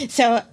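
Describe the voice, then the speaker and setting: A woman hosting a podcast interview, chatty and enthusiastic, often laughing as she talks. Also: fairly high pitch. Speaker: podcast host. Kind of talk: casual interview.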